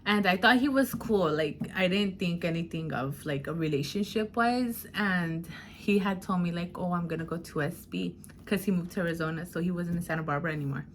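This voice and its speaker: A woman's voice: lowish voice, a little fast, hardly any pauses, slight background noise. A young woman vlogger telling a casual story, rambling with lots of fillers and slipping into Spanish.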